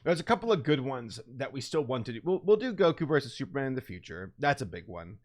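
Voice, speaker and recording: Laughing, excitable man co-hosting a podcast. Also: medium pitch, fast talker. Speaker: podcast co-host. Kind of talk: casual chat. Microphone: webcam and desk microphone.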